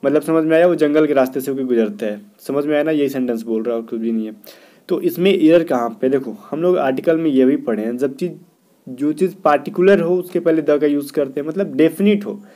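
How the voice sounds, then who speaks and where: A man runs an exam-prep grammar lesson, explaining in Hindi and reading English sentences slowly word by word. His voice is mellow and dark, sitting a little high for a man. He keeps checking in with the class. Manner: keeps asking "theek hai na" and "kya bhai".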